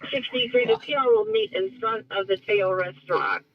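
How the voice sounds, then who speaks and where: A man's voice: high-pitched, moderate pace. A man working as a police dispatcher, heard over a police radio scanner, reading out clipped codes and addresses in a terse, matter-of-fact way. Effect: police radio scanner transmission. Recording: muffled scanner audio with static hiss.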